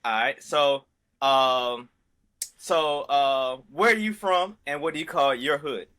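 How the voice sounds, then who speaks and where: A man's voice: medium pitch, takes it slowly, sharp tone, clean tone. A man hosting a casual interview over a video call, laid-back and slangy, with many fillers. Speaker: podcast host.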